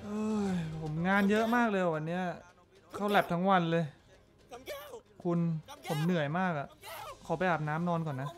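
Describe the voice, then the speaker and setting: A man plays a practical husband in a radio drama, caring yet quick to dismiss worries. His voice is a little higher than most men's, over clear music. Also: natural voice. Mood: weary.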